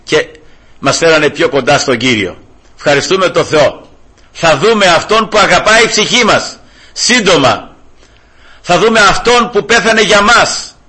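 A middle-aged man preaching a sermon with personal testimony, fervently swinging between hushed tones and exclamations. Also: sits high, expressive, husky.

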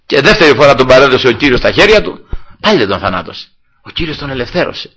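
Bright, husky-voiced male preacher. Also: mid-range voice, sing-song, low-quality recording. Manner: retells scripture dramatically, often addressing the brothers. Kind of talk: sermon.

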